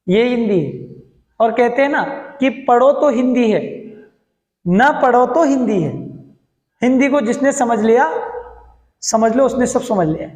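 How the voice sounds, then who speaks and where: A male Hindi teacher teaching verse meter, who recites lines slowly, then explains quickly and keeps asking his students questions. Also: extremely high pitch, a little mellow. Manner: quizzes students with questions, then answers himself. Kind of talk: classroom lesson on poetic meter. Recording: echoey hall.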